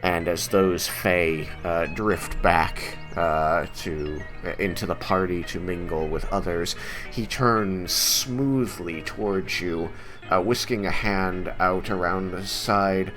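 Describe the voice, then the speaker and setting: A man's voice: deep voice, slow pace. A man improvising narration as game master of a tabletop fantasy game. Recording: music playing behind the voice.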